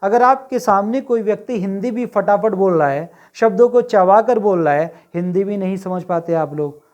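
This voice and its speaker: A man giving a spoken English lesson, mixing Hindi with slower English phrases and directly asking his students rhetorical questions. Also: sits high, a little mellow, highs cut off. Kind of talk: motivational classroom lecture to camera.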